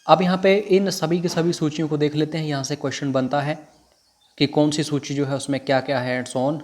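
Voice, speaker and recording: This exam prep teacher speaks on the high side, steady and fairly quick, repeating over and over what needs to be memorized.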